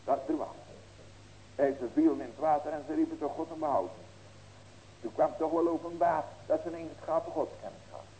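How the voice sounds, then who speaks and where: Older male pastor in his sixties: mellow, fairly high voice, folksy sermon full of rhetorical questions, swells to ringing emphasis. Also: fairly quick, slight background noise, rough recording. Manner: earnest, building to emphatic ringing cries.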